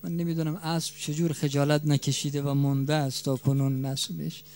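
Impassioned male preacher, swelling then hushed. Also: on the high side, flat delivery. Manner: impassioned, swelling loud then dropping soft. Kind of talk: mourning sermon.

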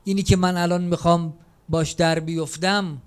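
A man preaching a sermon in a notably high voice. His delivery is emphatic, rising to loud declarations and dropping to hushed asides. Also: steady tone, smooth.

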